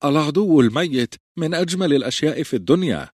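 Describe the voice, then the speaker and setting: A man's voice: medium pitch, very animated, a little fast, darkish tone, dry recording, voice pushed up. A cocky young archer, put on by a male audiobook narrator with a cheerful, smug way of speaking. The reader raises his voice for him. The recording is dry and close.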